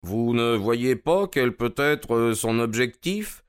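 A man voicing a calm male detective who asks measured, courteous questions. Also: medium pitch, clean tone. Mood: probing.

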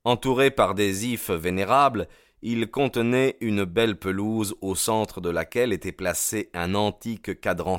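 A man reading an audiobook story aloud in a measured, literary storytelling manner. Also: low voice, no room sound, clean studio sound. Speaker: audiobook narrator. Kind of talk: scripted narration.

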